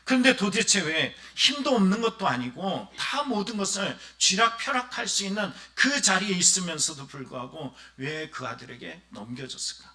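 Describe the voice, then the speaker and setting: A man's voice: sits high, moderate pace, hardly any pauses. A man, a pastor, preaching a Sunday sermon, speaking straight to the congregation and acting out the voices in his story. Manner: animated preaching, often addressing the congregation directly; acts out quoted voices of villagers and the son.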